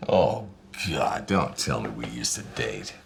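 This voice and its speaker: An actor playing a sardonic, misanthropic middle-aged doctor with a gravelly, dry sarcastic delivery, from a TV drama. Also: male voice, rumbling low, animated, takes it slowly, exaggerated voice. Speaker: lead doctor. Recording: TV clip with music underneath.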